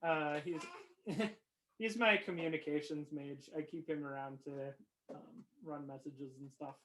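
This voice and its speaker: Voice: mid-range voice, steady tone, measured pace, a bit bright, close to an everyday voice. A game master playing a friendly male mage from a fantasy town, who talks hesitantly and laughs often.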